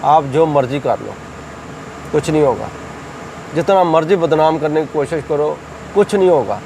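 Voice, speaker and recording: A middle-aged man from Pakistan delivers heated political commentary in a high voice. He speaks combatively and accusingly, repeating phrases to hammer his points home, with a faint hum of outdoor traffic behind him. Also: vocal fry, dark tone, poor audio. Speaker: political commentator hosting his own channel.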